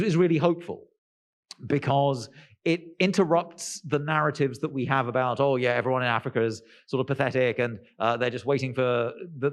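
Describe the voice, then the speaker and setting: A male author answering interview questions in a posh-sounding voice, halting with lots of fillers and restarts, with wry, sardonic asides. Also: mid-range voice. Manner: self-described posh-sounding voice.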